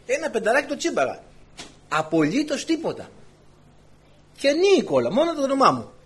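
Husky, animated male preacher. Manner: animated storytelling, voice climbing high when excited. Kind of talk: sermon with anecdote.

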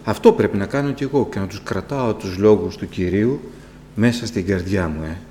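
This warm-toned man gives a passionate sermon, directly addressing the congregation with rhetorical questions and sudden leaps in volume and pitch. There is long reverb on the recording, along with a faint electrical hum.

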